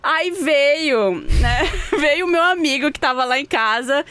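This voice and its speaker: A woman telling a neighbor story in casual podcast chat, animated and acting out shouted quotes. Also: sits high, measured pace, no room sound.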